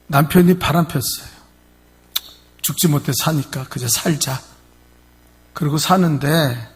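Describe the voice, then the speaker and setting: A man's voice: fairly high pitch, husky. A male pastor preaching a sermon, emphatic, speaking directly to his congregation in church. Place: church sanctuary.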